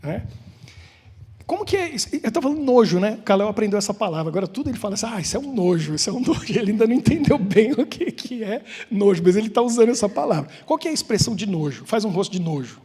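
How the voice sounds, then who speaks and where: Brazilian pastor guy, high voice, joking around with the congregation, long echo from the church hall. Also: sing-song, quick pace, mellow, slightly rough. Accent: Brazilian Portuguese. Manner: joking, chatty, asks the congregation questions. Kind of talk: informal sermon with banter.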